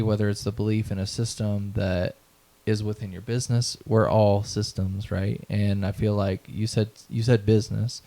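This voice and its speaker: Low and mellow, the voice belongs to a man in his thirties interviewed as the founder of an event. He earnestly lays out his mission and values in a motivational tone, repeating phrases and checking in with "right?"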